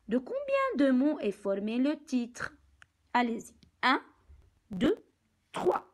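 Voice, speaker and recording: A woman teaching young children from a picture book, speaking slowly and deliberately, repeating words and counting aloud. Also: high voice, wildly swooping pitch, low-quality recording.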